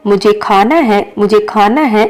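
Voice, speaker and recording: A woman's voice: mid-range voice, a little slow, darkish tone, natural voice, low-quality recording. A woman voicing a playful, sulking young female employee in a storybook reading, with a childlike, insistent manner.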